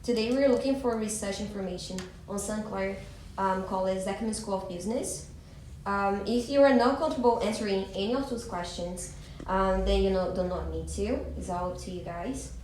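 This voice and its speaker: With a mid-range, slightly mellow voice at a moderate pace, a young woman who is a student moderates a focus group. She sounds hesitant, saying um often, yet reassuring, and she is recorded from a distance in an echoey room with background noise.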